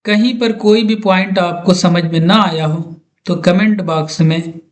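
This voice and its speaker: A man's voice: high-pitched, unhurried. A man teaching an English grammar lesson, patiently talking through examples step by step.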